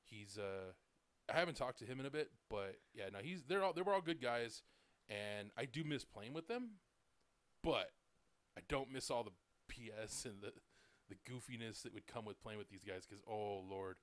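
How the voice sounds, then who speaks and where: With a fairly low voice and lively intonation, this late-thirties man hosts a casual podcast, telling meandering stories laced with "like" and "dude." He speaks at normal speed, with no echo.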